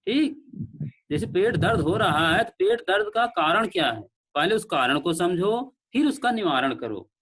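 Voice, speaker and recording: A man's voice: high voice, lively intonation, unhurried, fairly bright tone, husky. A man teaching an online class, explaining step by step with repeated examples and checking in with his students. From India. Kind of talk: online class lecture on pronunciation. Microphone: online call.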